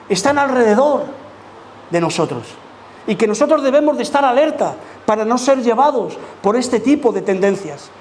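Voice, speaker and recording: A man's voice: extremely high pitch, a little mellow, slight background noise. A man from preaching a sermon as pastor, emphatic and full of rhetorical questions to the congregation. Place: church.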